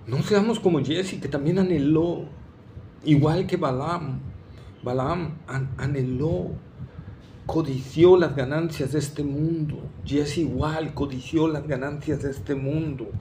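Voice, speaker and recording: A man's voice: fairly high pitch, a little slow, mellow, a little hiss or hum. A man preaching a sermon, emphatic and full of rhetorical questions to the congregation.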